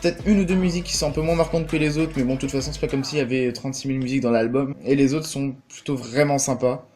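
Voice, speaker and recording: A man's voice: medium pitch, steady tone, fast talker, a little mellow, soft background music. A young man hosting a casual spoken album review, chatty and enthusiastic, with lots of "euh" fillers. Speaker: music reviewer, channel host.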